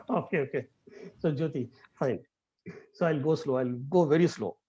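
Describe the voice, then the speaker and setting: Rich: A middle-aged man speaks quickly over a video call, his mellow voice coming through dull and lo-fi. He talks earnestly with plenty of fillers and restarts, like a guest lecturer. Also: fairly high pitch, slightly rough. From India. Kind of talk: online lecture.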